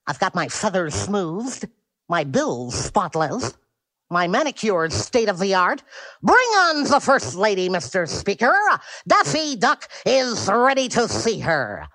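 Daffy Duck, a brash cartoon duck. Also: male voice, high voice, huge pitch swings, slow pace, sharp tone, heavily acted. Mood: boastful. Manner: brash, self-important, stammers when flustered. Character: vain, boastful male cartoon duck. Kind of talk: cartoon voice acting in a radio storytime.

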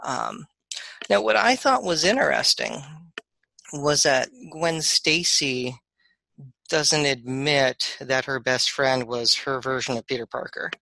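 A man co-hosting a podcast, talking in halting, stammering restarts. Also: mid-range voice, big pitch swings, gravelly, sharp tone, no room sound, rough recording. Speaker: podcast co-host, attorney. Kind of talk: casual podcast chat.

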